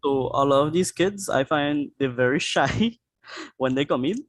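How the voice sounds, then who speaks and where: A man's voice: a little high, normal speed, dry recording. Trinidadian man on a panel, casual and chatty, dry sound. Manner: casual, chatty, repeats himself. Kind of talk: online panel discussion.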